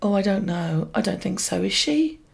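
A woman's voice: medium pitch, expressive, normal speed, vocal fry, husky. A woman co-hosting a podcast, riffing and bantering through a casual comedic recap. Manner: jokey, banters and riffs with co-host. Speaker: podcast co-host.

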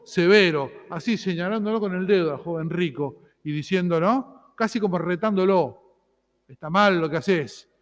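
A man's voice: high voice, darkish tone, long reverb tail. A man with a Rioplatense Spanish accent preaching a sermon as pastor, in a conversational way that keeps asking his listeners for agreement. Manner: conversational, asks the congregation "¿no?".

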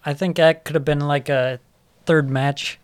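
A man's voice: fairly high pitch, fairly even intonation, measured pace, smooth, no echo. A man co-hosting a sports podcast, casually talking over soccer matches.

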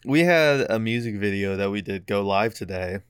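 Smooth-voiced man, laughing podcast host. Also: fairly low pitch, expressive, normal speed, no echo, clean studio sound. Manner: laughs often, swears freely, playful teasing. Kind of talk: casual joking chat.

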